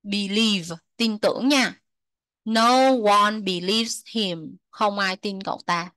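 A woman teaching English to children, repeating words slowly, translating them and chatting with soft sentence endings. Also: mid-range voice, smooth, no echo. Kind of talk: explaining a textbook lesson to children.

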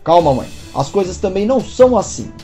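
A woman's voice: on the low side, sing-song, fairly quick, dark tone, soft background music. A woman reading the lines of a troubled young man hiding a secret, in an urgent inner monologue.

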